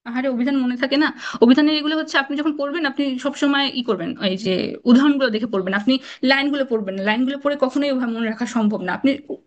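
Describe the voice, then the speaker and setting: A young woman teaching pronunciation rules in a live lecture, chatty and quick, often checking in with her students. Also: high-pitched, lo-fi sound. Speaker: online exam-prep teacher.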